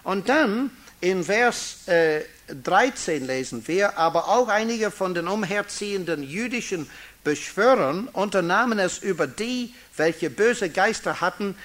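Slow, high-voiced preacher, man. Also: expressive, a bit bright. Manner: slow, emphatic preaching with stressed key words; non-native German with small grammar slips. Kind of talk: sermon reading and explaining scripture.

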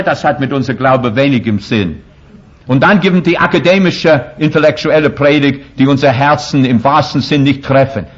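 A man's voice: medium pitch, husky, muffled recording. A man preaching a sermon as pastor, talking emphatically and making frequent slips in his grammar.

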